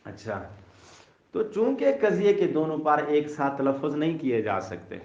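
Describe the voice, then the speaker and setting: A man's voice: fairly high pitch, big pitch swings, a little mellow. A man teaching a seminary logic class, asking questions and letting students finish his sentences. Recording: echoey dull lo-fi classroom audio.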